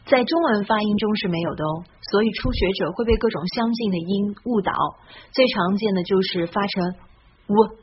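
A woman hosts an English pronunciation lesson with gentle encouragement, drawing her example words out slowly and fully. The voice track is a little dull and lo-fi, with a faint hiss underneath. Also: medium pitch. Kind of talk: friendly scripted lesson narration.

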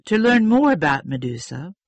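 Wise storybook goddess, stately and commanding, read by a man, dry and close, moving pitch. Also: sing-song, normal speed, no room sound, exaggerated voice. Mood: solemn. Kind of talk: storybook reading.

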